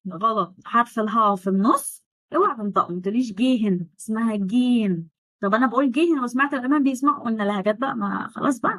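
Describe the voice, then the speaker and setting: An Egyptian woman teaching a German lesson, chatty with sarcastic asides, repeating words slowly to drill pronunciation. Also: a little high, fairly bright tone, no room sound, rough recording. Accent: Egyptian Arabic. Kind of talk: online language lesson.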